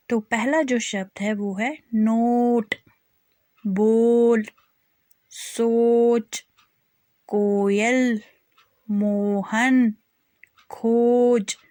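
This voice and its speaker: A woman's voice: medium pitch, no room sound, studio quality. A woman teacher giving a recorded spelling lesson to children, sounding out words syllable by syllable. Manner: slow, deliberate syllable-by-syllable spelling. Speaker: school teacher. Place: school online class recording.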